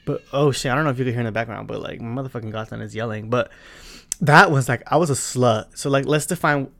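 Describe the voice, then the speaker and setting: A man in his twenties hosting a solo podcast, talking bluntly and profanely, with loud bursts and quiet asides. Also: medium pitch, fast, vocal fry. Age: 20s. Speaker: podcast host. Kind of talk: casual solo podcast chat.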